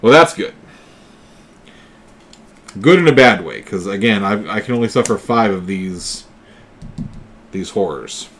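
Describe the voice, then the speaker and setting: Male host, board game let's play; swings between dramatic readings of game text and casual rules talk, animated pitch. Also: a little slow, long pauses, slight background noise. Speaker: host and player.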